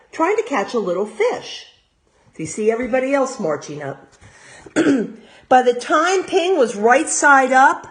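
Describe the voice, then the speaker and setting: With a high voice, this American woman acts as a teacher for little kids, reading from a storybook expressively. She breaks off now and then to explain things in plain, simple asides.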